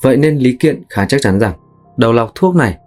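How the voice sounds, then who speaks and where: A man calmly narrating a true crime case in a steady, scripted storytelling manner, now and then speaking straight to his listeners. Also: mid-range voice, brisk, soft background music. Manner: calm, steady storytelling, addresses listeners directly.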